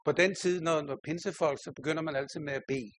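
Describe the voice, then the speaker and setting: A man's voice: on the high side, fairly even intonation, a bit bright, slight background noise. An older man, a pastor, preaching a sermon and telling a personal story with self-mocking humor and frequent laughter.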